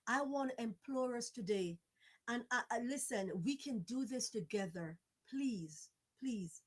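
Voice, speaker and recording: A woman's voice: a little high, normal speed. A woman from Jamaica making an impassioned, pleading fundraising appeal on a livestream, repeating phrases with a preacher-like cadence. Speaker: fundraising campaign speaker. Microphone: livestream microphone.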